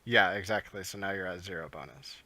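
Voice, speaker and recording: A man running a tabletop role-playing game as game master, giving quiet, low-key rulings. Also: brisk.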